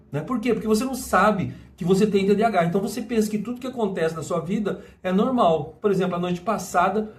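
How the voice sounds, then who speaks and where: A man from Brazil speaks in a high-pitched voice. He talks in a casual personal monologue. He stumbles through restarts and keeps tacking on little questions as he goes. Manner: rambling, full of restarts and tag questions. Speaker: vlogger.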